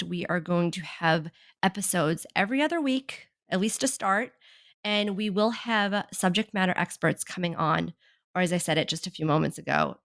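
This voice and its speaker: A woman's voice: on the low side, a bit bright, no room sound, clean studio sound. A woman with a Boston accent co-hosting a business podcast, talking in an upbeat, enthusiastic way. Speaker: podcast co-host. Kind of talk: casual podcast conversation.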